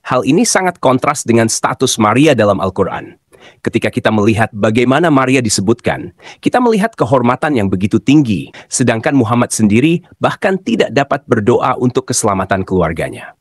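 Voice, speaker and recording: A man reading scripted narration in a measured, explanatory way. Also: mid-range voice, sing-song, dry recording, clean studio sound.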